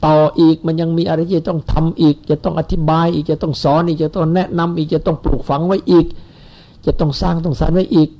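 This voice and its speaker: A man's voice: a little high, flat delivery, fast, vocal fry, mellow. A man in his seventies giving a rambling, folksy Buddhist sermon to followers. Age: 70s. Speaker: Buddhist teacher. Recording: lo-fi dull recording.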